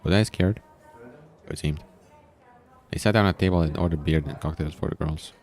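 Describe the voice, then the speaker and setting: A man's voice: rumbling low, brisk, darkish tone. A man reading a visual novel aloud, breaking in with casual, informal comments of his own. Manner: informal, reacting to the story with asides. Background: background music.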